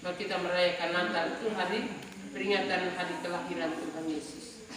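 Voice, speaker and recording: A woman teacher lecturing patiently, stretching her words and tucking in little "ya" asides. Her voice sits far from the mic in a room with a long, roomy echo, and steady background noise is plain underneath. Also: lowish voice. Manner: explains slowly with repeated "ya" asides, drawn-out words. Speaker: religion teacher. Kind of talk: classroom lecture. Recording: echoey room from far off, noisy.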